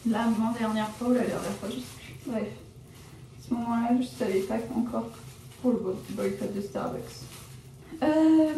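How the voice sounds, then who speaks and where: A woman's voice: fairly high pitch, dark tone, distant mic, slight background noise. A young woman chatting casually in a vlog as she dyes her hair, rambling and correcting herself with many fillers. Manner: rambling, self-correcting, lots of fillers like genre and euh; shy and reserved by her own account. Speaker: vlogger. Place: at home, indoors. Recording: roomy, from off the mic, faint background ambience.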